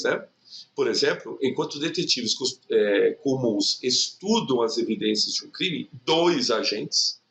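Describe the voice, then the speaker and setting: A man's voice: mid-range voice, gravelly, fairly bright tone. A man from Brazil walking through exam grammar questions as a teacher, casually checking in with rhetorical questions. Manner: informal, explains with rhetorical questions and "tá?".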